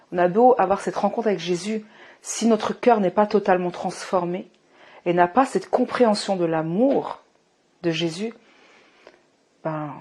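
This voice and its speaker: A woman in her thirties from France giving a personal faith testimony, emotional and often restarting, moving between hushed and fervent speech. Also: fairly low pitch, slightly rough. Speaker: testimony speaker.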